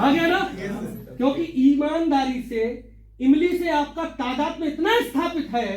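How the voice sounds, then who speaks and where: A middle-aged man, a drama lecturer, teaching a class in an animated way and sounding out lines syllable by syllable. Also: very high-pitched. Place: classroom with audience. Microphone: far from the mic. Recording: echoey room from far off with crowd.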